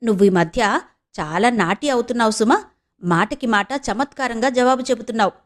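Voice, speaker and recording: A woman's voice: on the high side, brisk, lightly acted. A woman voicing a middle-aged husband who lectures confidently and jokes with his wife. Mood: playful. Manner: lecturing, joking. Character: middle-aged husband, know-it-all and playful.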